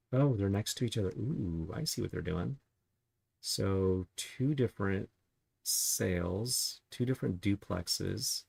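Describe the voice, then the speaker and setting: Gravelly low-voiced man reviewing real estate listings. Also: darkish tone, no echo. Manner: chatty, asks rhetorical questions. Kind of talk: casual market review while browsing listings.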